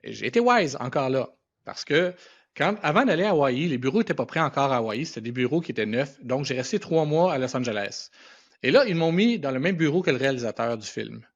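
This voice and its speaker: With lively intonation and a brisk pace, a middle-aged man speaks at medium pitch in a Quebec French accent. Guesting on a podcast, this animation and visual effects professional casually shares stories in colloquial speech laced with English words. The audio is dull and band-limited.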